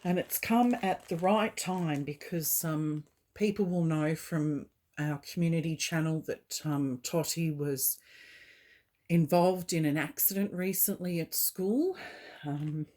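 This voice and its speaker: A low-pitched woman talks slowly and softly, filling her pauses with gentle ums. She hosts a doll collecting vlog, chatting through an unboxing in a halting, heartfelt way. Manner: gentle, halting, with frequent fillers. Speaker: doll collecting channel host.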